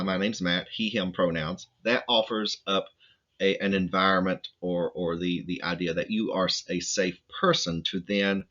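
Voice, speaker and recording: A man giving a recorded lecture presentation, speaking in a halting way with many restarts and fillers. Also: low voice, pushed and bright, highs cut off.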